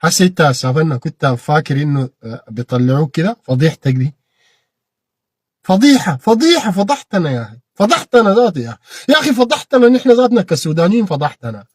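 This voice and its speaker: A man with a Sudanese Arabic accent giving an impassioned political monologue, repeating phrases and bursting into shouted peaks. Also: fairly high pitch, very animated, fast, husky, no room sound, clean studio sound. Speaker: political commentator.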